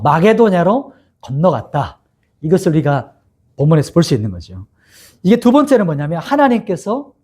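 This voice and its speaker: A man's voice: high-pitched, slightly rough. A man preaching a sermon as pastor, reading scripture aloud, asking the congregation questions and acting out quotes. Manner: lively, asks the congregation questions and acts out quotes.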